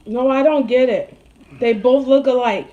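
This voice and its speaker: A woman's voice: high-pitched, moderate pace, mellow, dull audio. A woman chatting casually during a food challenge, her voice worn from eating spicy food. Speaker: participant in a hot sauce challenge video with spouse.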